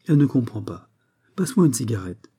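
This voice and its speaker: A man reading a nineteenth-century short story aloud in a measured, steady narrating manner. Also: mid-range voice. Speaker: audiobook reader. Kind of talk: literary audiobook narration.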